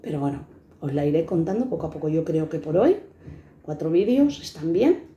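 A woman's voice: sits low, expressive, a little fast, warm tone, dull audio. A blunt, fiery woman in her fifties from Spain tells stories from her own life, swearing and acting out the people in them. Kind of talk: personal storytelling to camera. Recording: echoey room.

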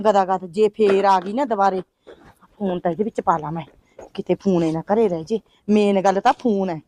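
A woman's voice: medium pitch, fairly even intonation, fairly quick, mellow, a little hiss or hum, natural voice. A woman playing a fussy, bossy, impatient Punjabi housewife who mutters and exclaims dramatically in a comedy skit. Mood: fussing, muttering. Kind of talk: family comedy skit acting.

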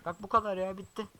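Bright-voiced young man commenting on gameplay. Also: sits high, a little hiss or hum, low-quality recording. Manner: swears often, chatty, coaxes his horse. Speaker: gaming YouTuber.

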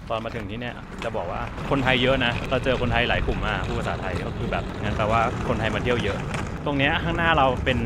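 A man's voice: medium pitch, heavy background noise. A man from Thailand chatting casually as he films a road trip, catching his own slips and exclaiming at the views. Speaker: travel vlogger. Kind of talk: casual on-the-go travel chat. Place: outdoors and indoors on a road trip. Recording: loud background music over the voice.

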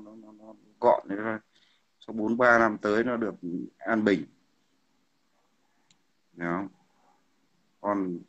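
A man's voice: fairly low pitch, a bit bright. A man ranting combatively on a livestream, hurling insults and repeating "hiểu không?". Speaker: livestream host. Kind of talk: heated political livestream rant.

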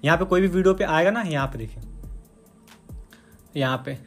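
A tutorial host walks through a phone editing app step by step in a screen-recorded video, chatty and repetitive, saying "dekhiye doston" and "bhai" over and over. His voice is on the high side at a normal speed, with soft background music.

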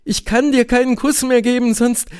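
A man's voice: sits high, measured pace, a little mellow, pitched above the performer's own voice. Man voicing a pale, torn young woman. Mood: anguished. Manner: pleading, tense and breaking. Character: troubled young woman bound by duty, pale. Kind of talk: audiobook dialogue reading.

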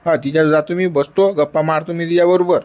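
In a comedy sketch, an actor plays a stubborn, lovesick old grandfather who whines and pleads insistently in a Varhadi Marathi accent. His fairly high voice is steady, brisk, and darkish, with the highs cut off, close to an everyday voice.

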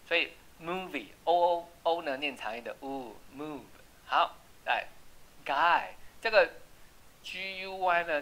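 A man teaching an English class, chatty and checking with students, slowing down to repeat words for pronunciation. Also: on the high side, bright, forceful tone, low-quality recording. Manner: asks "right?" often. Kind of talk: classroom lesson.

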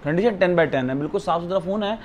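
A man with a Pakistani accent giving an eager, repetitive teleshopping-style sales pitch as a phone retailer. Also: fast talker, a little mellow. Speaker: phone retailer presenting stock. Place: living room of a house, indoors. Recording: some background noise in a room.

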